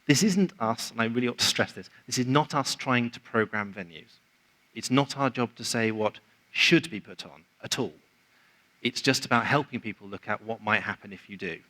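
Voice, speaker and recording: A man's voice: mid-range voice, normal speed, sharp tone, poor audio. A man giving a conversational, explanatory presentation at a conference, acting out quoted remarks along the way. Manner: conversational, explanatory, quotes others in acted asides. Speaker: conference speaker. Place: conference venue.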